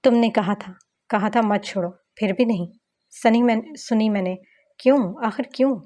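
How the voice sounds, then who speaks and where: A woman's voice: medium pitch, fairly quick, a little mellow, lightly acted. A woman reading an audiobook novel, voicing a broken, desperate young man who pleads in anguished outbursts.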